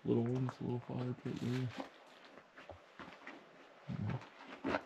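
A hiking vlogger narrates his walk through a forest among boulders, keeping it laid-back and casual and chuckling often. His mid-range voice is monotone, slow and creaky. There's noise in the background.

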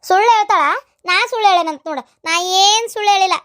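A cackling-high, rapid old village woman from a comedy cartoon, scolding her family with a North Karnataka accent, as a woman puts her on. She talks in quick, piping bursts and keeps complaining that nobody values her. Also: a bit bright. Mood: grumbling. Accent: North Karnataka Kannada. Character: grumbling self-pitying old village woman.

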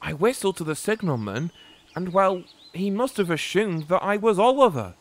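A man's voice: high voice, lively intonation, moderate pace, voice pushed up. A man voicing a cheerful, well-mannered male tank engine in a storybook tale. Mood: pleading.

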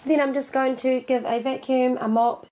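A woman's voice: high voice, flat delivery, moderate pace, over music. A woman, narrating her housework in a casual voice-over with many ums and asides to viewers. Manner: chatty, lots of ums, friendly asides to viewers. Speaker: cleaning vlogger.

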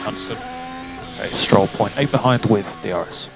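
A man's voice: on the low side, brisk, creaky, over music. A man working as a race engineer, giving clipped, matter-of-fact updates over race car radio and repeating key figures. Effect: team radio transmission.

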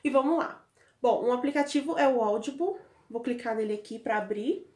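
A woman's voice: on the high side, brisk, a little mellow. Chatty young woman in echoey room. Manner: chatty, laughs often, many fillers. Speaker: book vlogger. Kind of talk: casual app walkthrough. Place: home room with bookshelves.

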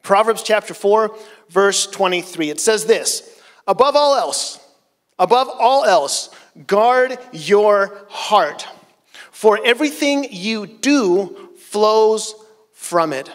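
High-voiced man preaching in a reverberant hall. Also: animated, slow. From Chile. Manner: conversational, self-deprecating storytelling. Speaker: pastor. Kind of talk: casual sermon with personal stories. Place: church stage, large hall. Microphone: handheld mic. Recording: long church hall reverb.

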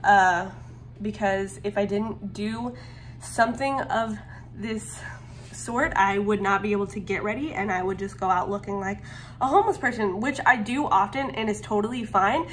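A stay-at-home mom in her twenties films a casual get-ready-with-me vlog at home beside a small guest bathroom, chatting and rambling a little with fillers and restarts. She speaks at normal speed in a medium pitch into a phone held at arm's length. The home recording has faint fan noise and an air conditioner humming.

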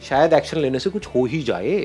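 A man giving an animated, encouraging motivational talk to an audience, often laughing. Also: mid-range voice, a little fast, music in the background. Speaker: speaker on stage.

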